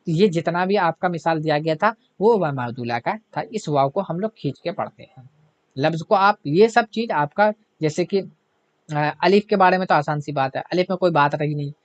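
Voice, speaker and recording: Male grammar teacher, high voice, repetitive self-answering questions, dull dry recording. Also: normal speed. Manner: asks the class questions and answers them himself; repetitive, keeps adding "hai na". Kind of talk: online grammar lesson.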